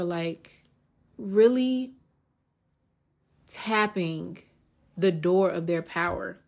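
An energetic woman coaching her listeners in a motivational solo talk, her pitch sitting in the middle of the usual range for women. She acts out the voices of people she describes and checks in with a quick "right?" as she goes. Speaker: podcast host and esthetics business coach.

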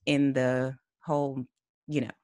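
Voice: medium pitch, level tone, a little slow, a little mellow, dry recording. A young adult podcast host who talks in an upbeat, giggly, conversational way while running the interview. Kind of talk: casual interview chat.

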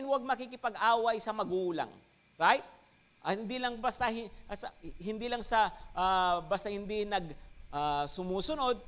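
A man with a Filipino accent preaching a sermon as pastor. He switches between Tagalog and English and often checks in with "no?" and "Amen?". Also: sits high. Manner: lively, rising emphasis on key words.

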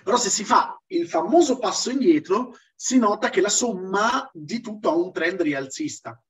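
A man's voice: high-pitched, expressive, moderate pace, a bit bright. A man giving an informal online lecture in an explanatory, emphatic way, like a teacher who keeps checking that listeners follow. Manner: didactic, emphatic, often checking with "ok?". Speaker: lecturer in a religious history seminar. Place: live online seminar with chat. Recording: dull distant lo-fi microphone.

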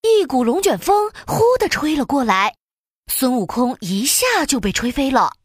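A woman narrating a children's storybook in an expressive, sing-song storytelling way. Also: high-pitched, moderate pace, breathy edge, no room sound, studio quality.

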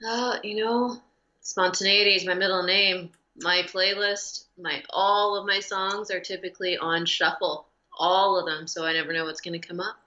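A woman in casual chat, reacting quickly and making playful jokes. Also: lowish voice, fairly even intonation, sharp tone. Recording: dull lo-fi sound.

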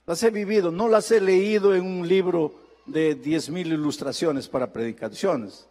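High-voiced older pastor preaching from Peru. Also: male voice, unhurried, warm tone, long reverb tail. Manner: emphatic preaching with rising and falling intensity. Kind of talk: sermon.

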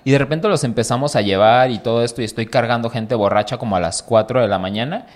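Animated, foul-mouthed Mexican guy telling a story. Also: medium pitch, fast. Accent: Mexican Spanish. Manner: animated, swears a lot, acts out voices in his stories. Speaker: podcast co-host. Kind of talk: casual storytelling chat.

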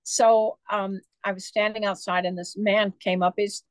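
A woman's voice: medium pitch, level tone, normal speed, dry recording. A woman author being interviewed, telling long rambling stories with many fillers. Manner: chatty, digressive, many fillers. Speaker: author guest. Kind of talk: casual storytelling interview.

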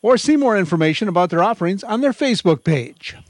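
A man's voice: sits high, lively intonation, fast, dry recording, studio quality. A man reading a scripted local radio advertisement as its announcer. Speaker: commercial announcer.

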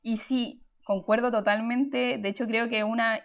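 A woman's voice: on the high side, steady tone, moderate pace, gravelly. A young woman hosts a live stream, explaining her points chattily and answering the chat, with frequent fillers and restarts.

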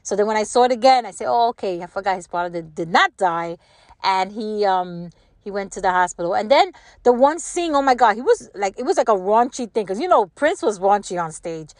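An older woman talks in a loose, rambling, conversational way, as a solo commentator. Her pitch sits in the middle for a woman, and she repeats phrases to drive them home. The sound is dry, with no room echo. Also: expressive, fairly quick, darkish tone. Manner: repeats words and phrases for emphasis; conversational, checks in with rhetorical questions. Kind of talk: casual rambling chat.

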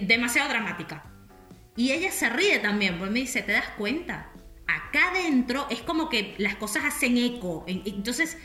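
A woman's voice: fairly high pitch, bright, forceful tone. A woman with a Rioplatense Spanish accent, chatting in a casual, reflective way and full of little fillers as she thinks aloud. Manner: chatty, with many "o sea" and "no sé" fillers. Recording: echoey room, faint music.

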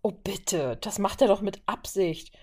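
A man's voice: fairly high pitch, moderate pace, darkish tone, natural voice. A woman voicing a boastful man who needles his friends, with a cocky, teasing manner. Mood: grumbling.

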